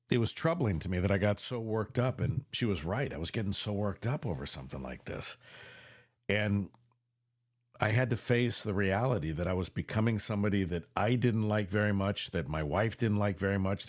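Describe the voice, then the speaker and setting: Earnest low-voiced man, confessional podcast. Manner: earnest and confessional, slowing on key phrases. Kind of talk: reflective personal monologue. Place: home podcast studio. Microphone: studio mic with headphones.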